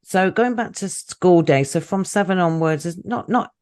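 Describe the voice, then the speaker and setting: A woman hosts a podcast interview. She asks gentle, clarifying questions and keeps her guest on track. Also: lowish voice, moderate pace. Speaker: podcast host.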